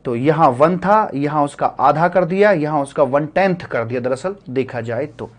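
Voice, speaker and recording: A man's voice: fairly high pitch, animated, normal speed. A middle-aged man teaching tax law in a chatty classroom lecture, full of rhetorical questions and friendly asides to students. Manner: calls students sir and buddy.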